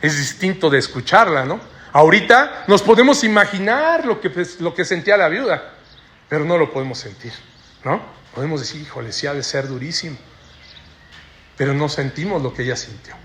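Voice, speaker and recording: A man's voice: on the high side, lively intonation, brisk, fairly bright tone. A man preaching a sermon to a congregation in church, often ending his phrases with a questioning "¿no?". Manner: tags sentences with rhetorical "¿no?".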